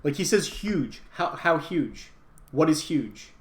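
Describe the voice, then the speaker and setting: A man's voice: on the high side, expressive, takes it slowly. A man hosting a stream, commenting casually and analytically on a clip, swearing often and rambling. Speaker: streamer host.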